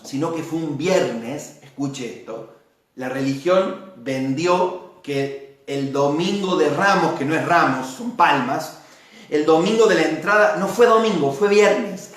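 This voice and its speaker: A man preaching a sermon as pastor, lively and dramatic, acting out the shouts of a crowd. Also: fairly high pitch. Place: church. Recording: very echoey church hall, mic far off.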